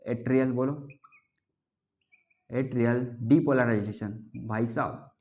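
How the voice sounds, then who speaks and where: A male biology teacher giving a lively classroom lecture, drilling students to repeat terms back to him and teasing them playfully, mixing with terms. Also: mid-range voice, takes it slowly. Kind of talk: classroom lecture with call-and-response.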